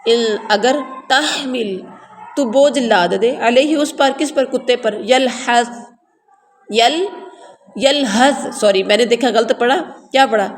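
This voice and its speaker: A woman Quran teacher speaks in a fairly high voice, explaining each word, repeating terms and asking her listeners questions. Her voice carries a long reverb, with faint ambient noise underneath. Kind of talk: word-by-word translation lesson to a class.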